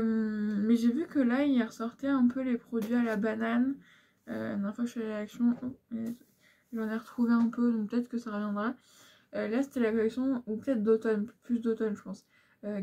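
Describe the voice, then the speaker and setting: Her voice is on the high side yet gravelly and dark in tone. A young beauty vlogger, she chats candidly about beauty products she's used up, with lots of fillers and tangents, in a laid-back review chat.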